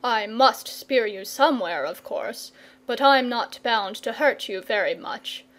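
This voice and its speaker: A woman's voice: a little high, animated, a little slow, fairly bright tone. An earnest storybook knight, voiced by a woman narrator, courteous and sure of himself. The delivery is patient and persuasive, with a thoughtful air. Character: confident, patient, persuasive knight Saint George. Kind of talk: storybook character reading.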